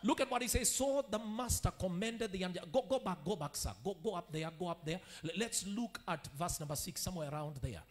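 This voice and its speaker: A man with a Kenyan accent preaching a sermon as pastor, swinging from quiet teaching to shouted declarations and calling for amen. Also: high voice, expressive, fast talker, hardly any pauses.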